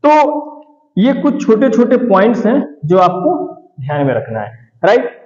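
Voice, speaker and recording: A man's voice: sits high, huge pitch swings, normal speed, darkish tone, reverberant, in a large hall, muffled recording. A man teaching a math lesson, explaining patiently and often ending his points with "right". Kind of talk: classroom-style lesson explanation.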